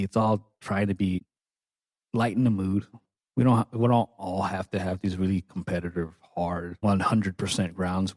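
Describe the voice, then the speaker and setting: Low-voiced playful male jiu-jitsu coach. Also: darkish tone, no echo. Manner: playful, joking, with crude language. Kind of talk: casual solo podcast monologue.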